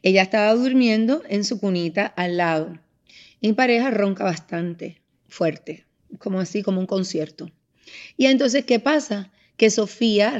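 A woman in her fifties, a mother chatting on a podcast, telling stories with lively acted-out voices. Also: mid-range voice, muffled recording. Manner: animated storyteller, acts out voices in anecdotes. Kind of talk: casual podcast conversation.

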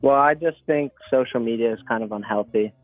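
A young man on speakerphone as a caller, talking in a shy, halting, polite way. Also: mid-range voice, dry recording, soft background music. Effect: on speakerphone over a phone line. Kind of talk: casual chat. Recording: tinny dry phone line.

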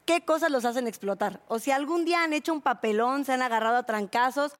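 A woman's voice: sits high, fast talker. A Mexican woman hosting a casual chat, steering the talk and setting the topics. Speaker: show host.

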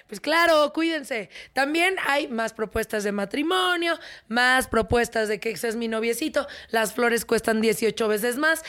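A young woman with a Mexican Spanish accent hosting an entertainment segment, teasing and animated, tossing English words into her chat. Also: fairly high pitch. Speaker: entertainment show host. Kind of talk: playful showbiz chat.

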